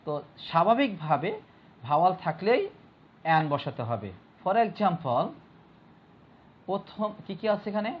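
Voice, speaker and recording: A man's voice: sits high, sing-song, measured pace, pauses often. A male teacher giving a step-by-step grammar lesson, repeating rules and putting questions to his students. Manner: explains step by step, repeats points and asks the class questions. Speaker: school teacher. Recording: dull lo-fi recording with faint mains hum.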